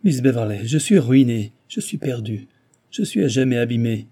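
Frantic ruined gentleman, voiced by a man, pleading, raised husky voice, dark tone. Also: a little high, expressive, moderate pace, voice pushed up.

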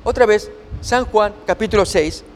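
Male preacher, high voice, teaching from scripture with rhetorical questions, long hall reverb. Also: normal speed, a little hiss or hum. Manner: reads scripture aloud and asks the listeners rhetorical questions. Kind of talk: sermon-style Bible teaching.

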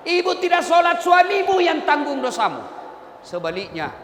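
High, bright-voiced joking preacher. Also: male voice, moderate pace. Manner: lively, teasing, punctuated with shouted punchlines. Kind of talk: humorous sermon to a women's study group. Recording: echoey hall with faint ambience.

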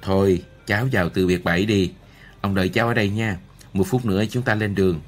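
A man's voice: low voice, fairly even intonation, fast talker, soft background music. A man voicing a stern but caring old wandering showman in an audiobook, speaking firmly. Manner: firm, commanding.

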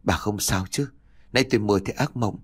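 A man voicing a frightened elderly husband in a village ghost story, at times shouting in panic. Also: fairly low pitch, a little fast, breathy edge. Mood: shaken.

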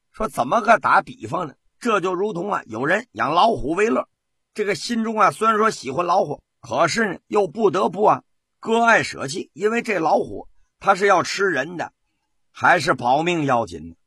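A man telling a traditional story on the radio with dramatic, rhythmic delivery and drawn-out particles. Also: on the high side, bright, forceful tone, husky, no room sound. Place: radio studio.

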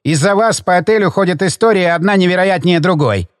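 A man's voice: sits high, fairly quick, no room sound, studio quality, lightly acted. A man reading an audiobook, voicing a domineering older hotel owner who barks and bullies. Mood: furious. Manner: barking, bullying, shouting.

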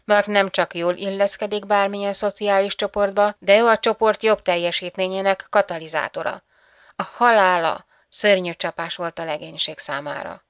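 A woman reading the part of a composed female psychologist speaking gravely in an audiobook. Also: medium pitch, steady tone, no echo, clean studio sound, lightly acted.

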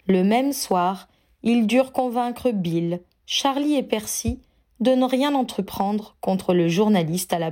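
A woman narrating a story in a plain, steady reading voice. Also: mid-range voice. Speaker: reader.

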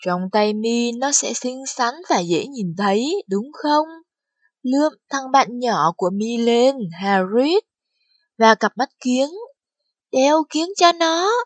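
A woman with a husky voice voicing a cruel male dark lord who speaks slowly and commandingly. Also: fairly high pitch, animated, no echo. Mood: mocking. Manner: slow, commanding, menacing.

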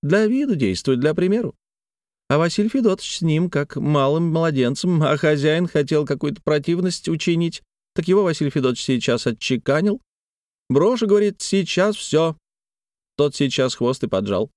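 A man's voice: on the high side, expressive, moderate pace, darkish tone, dry recording, studio quality, pitched above the performer's own voice, close to an everyday voice. A man reading a chatty, folksy serving woman's gossip in a sing-song manner. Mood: gossipy.

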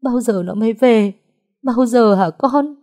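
A woman voicing a grieving elderly mother who sobs and pleads slowly in a high, strained voice. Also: dark tone, lightly acted. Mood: sobbing plea. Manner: sobbing, pleading, drawn-out.

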